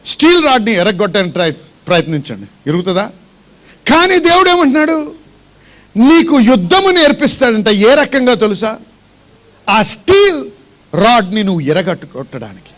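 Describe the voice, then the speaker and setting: A man's voice: sits high, very animated, normal speed, long pauses, fairly bright tone. A male pastor preaching a sermon in a church, asking repeated questions and calling on the congregation to respond.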